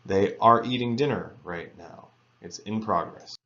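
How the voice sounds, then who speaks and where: Low-voiced man teaching English grammar. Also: fairly bright tone, highs cut off. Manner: slow, careful reading of example sentences. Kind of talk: recorded lecture for students.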